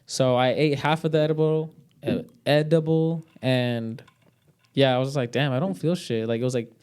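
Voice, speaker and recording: Young guy, podcast storyteller, loose and profane, clear smooth tone. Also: medium pitch, moderate pace, a little mellow. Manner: rambling, swears a lot, many "like" fillers. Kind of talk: casual storytelling chat.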